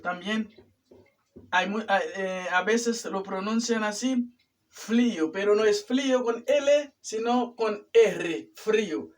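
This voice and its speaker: A man teaching Spanish pronunciation at a whiteboard, whose first language is Haitian Creole, repeating words slowly so the class can drill them. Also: sits high, distant mic, rough recording.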